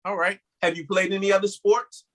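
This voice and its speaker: A man's voice: high-pitched, level tone, brisk, fairly bright tone, poor audio. A man hosting an interview show, asking questions in an easygoing way and often saying "all right" between them. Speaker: show host.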